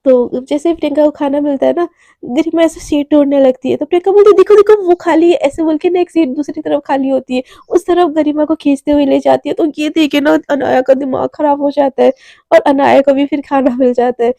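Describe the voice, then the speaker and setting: A woman's voice: high-pitched, steady tone, brisk, creaky, dark tone, no room sound. A woman telling a story in a casual, chatty way with many fillers.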